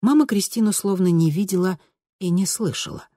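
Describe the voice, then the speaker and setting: A woman narrating an audiobook in a steady, expressive storytelling manner. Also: low voice, normal speed, slightly rough, dry recording, studio quality. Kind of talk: scripted narration.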